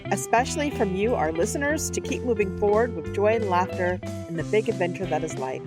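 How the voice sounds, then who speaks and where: A woman's voice: medium pitch, expressive, brisk, over loud music. A middle-aged woman talking conversationally as a co-host on a casual podcast.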